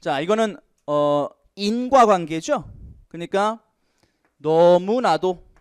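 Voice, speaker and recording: A male English teacher giving an exam prep lecture, lively, asking questions and answering them himself. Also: high-pitched, moderate pace, no echo, studio quality.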